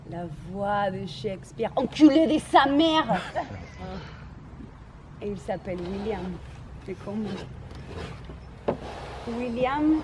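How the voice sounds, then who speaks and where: An actress in a theatrical monologue, playing a bitter, mocking Irish woman who rants against the English with crude sarcasm and sudden shouted outbursts. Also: mid-range voice, natural voice. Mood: scornful. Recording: noisy camcorder recording.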